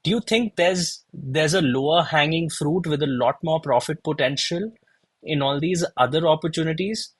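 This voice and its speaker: A man's voice: on the high side, breathy edge. A man hosting a podcast, asking long, winding interview questions with many restarts. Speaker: podcast host.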